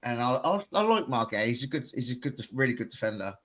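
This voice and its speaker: A man's voice: mid-range voice, very animated, fast, fairly bright tone. A young man co-hosting a podcast, chatting in a laid-back, jokey way. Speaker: podcast co-host. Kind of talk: casual chat.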